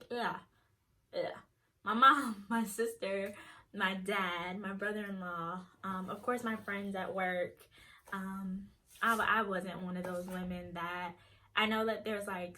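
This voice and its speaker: A woman's voice: mid-range voice, pushed and bright. A young woman vlogger chatting casually, retelling a story and acting out each person's lines. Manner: chatty, acts out quoted dialogue.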